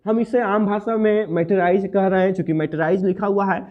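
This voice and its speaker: Male coaching tutor, Bihari Hindi accent, raised pitch, drills steps over and over, lo-fi phone-quality audio. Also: steady tone, fairly quick. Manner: repetitive, quizzes the viewer, explains step by step. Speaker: math tutor. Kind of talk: classroom lecture.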